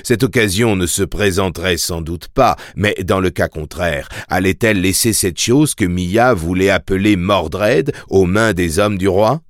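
A man reading a novel aloud in measured, steady scripted narration. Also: sits low, no echo, clean studio sound. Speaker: audiobook narrator.

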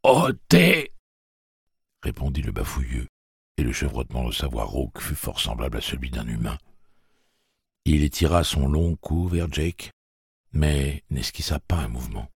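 Very deep gravelly male narrator. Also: moderate pace, darkish tone, no room sound, clean studio sound. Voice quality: gravelly, husky voice. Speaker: audiobook narrator. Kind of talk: scripted narration.

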